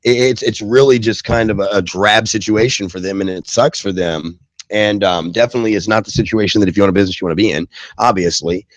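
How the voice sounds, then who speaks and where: A man hosting a live web radio show cracks self-mocking jokes in a lowish voice, with loose fillers and restarts between news bits. The sound is dry and close, with no room around him. He grew up in the southwestern US and in Germany. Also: fast, dry recording.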